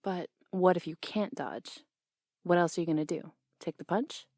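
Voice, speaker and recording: A young woman voicing a brash, teasing tomboy boxing coach in an audio role-play, blunt and quick to laugh. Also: on the low side, a little mellow, no room sound, studio quality.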